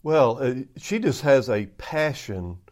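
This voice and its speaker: A man's voice: mid-range voice, big pitch swings, takes it slowly, a little mellow. A man speaking as a pastor on a podcast, answering conversationally into his own microphone. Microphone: own separate microphone.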